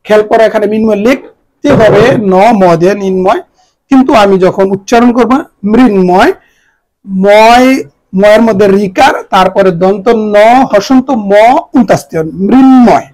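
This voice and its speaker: A man teaching a grammar lesson to students, spelling out the pronunciation of words slowly, letter by letter. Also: sits high, darkish tone, poor audio. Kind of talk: exam-prep grammar lesson.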